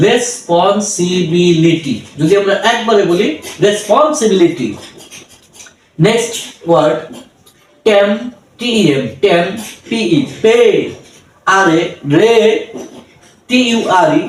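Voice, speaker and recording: A man tutoring English pronunciation, slowly spelling out words syllable by syllable. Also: sits high, distant mic. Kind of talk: pronunciation lesson. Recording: echoey room, voice from away from the mic, faint background noise.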